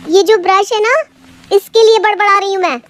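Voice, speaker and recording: A woman voicing a polite young daughter-in-law who keeps quiet but mutters her complaints. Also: very high voice, steady tone, fairly quick, voice pushed up. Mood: grumbling.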